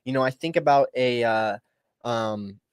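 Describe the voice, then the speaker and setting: A young man hosting a livestream, talking casually and upbeat, rambling and restarting his sentences, at times dropping low and at times getting loud. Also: unhurried, smooth. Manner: rambling, upbeat, restarts often and shifts between hushed and loud. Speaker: livestream host. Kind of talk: casual motivational livestream talk.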